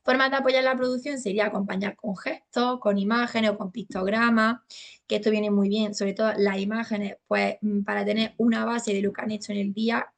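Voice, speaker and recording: A woman's voice: medium pitch, level tone, brisk, gravelly. A woman with a Spain Spanish accent, a speech therapist explaining to parents in a colloquial, patient way. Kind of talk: family training talk.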